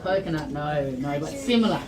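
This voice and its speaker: A low-pitched, expressive Australian woman talks fairly quickly as storyteller and presenter for young children at the library. Her informal educational talk explains things simply and keeps putting questions to the kids. It's recorded in an indoor library event room with echo, a distant mic, and children chattering.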